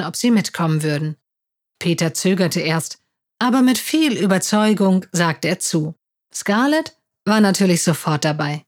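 A woman with a fairly low-pitched voice reads a story aloud. Her narration is steady and clear, with a storybook rhythm. She raises her voice when she quotes characters. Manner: storybook reading, lifting pitch and volume for quoted lines. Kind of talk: reading a school story aloud.

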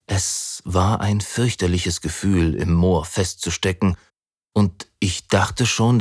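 A man reading a children's story aloud in an expressive, dramatic way. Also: sits low, husky, no room sound, clean studio sound.

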